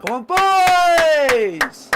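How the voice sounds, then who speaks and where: A man hosting a live football watchalong stream, reacting excitedly and cheering his team on to the chat. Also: very high-pitched, extremely slow, over loud music. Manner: cheery, keeps urging the team on and rallying the chat.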